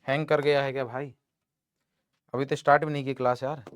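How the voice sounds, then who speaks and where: A man's voice: mid-range voice, little pitch movement, brisk, clean tone, dry recording, clean studio sound. A young man teaching chemistry in an online class, teasing and joking with his students. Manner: playful teasing, talks to students as "beta".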